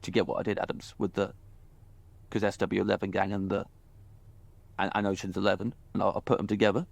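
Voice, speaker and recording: A man's voice: low-pitched, flat delivery, quick pace, gravelly, no echo. An actor playing an earnest, boastful ex-undercover cop, narrating his tale as a comedy podcast host. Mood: rambling. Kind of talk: comic scripted narration.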